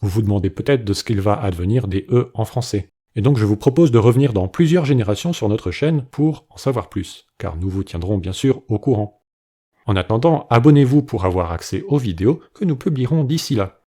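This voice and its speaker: A man giving a scripted educational narration about linguistics, explaining clearly and saying sample phrases aloud to show how they sound. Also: mid-range voice, dark tone. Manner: clear explanatory delivery, demonstrates pronunciations.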